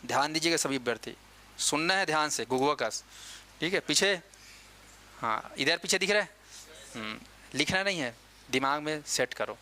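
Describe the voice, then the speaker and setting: A man teaching a coaching-class lecture in a casual, chatty way, quizzing students and answering himself, slowing down to dictate key terms. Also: fairly high pitch, lively intonation, sharp tone, slight background noise.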